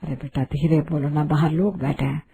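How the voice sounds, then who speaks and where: A woman's voice: on the low side, normal speed, darkish tone. A woman voicing a fussy middle-aged mother-in-law in a cartoon, grumbling and fretting. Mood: hushed. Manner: grumbling, fretful.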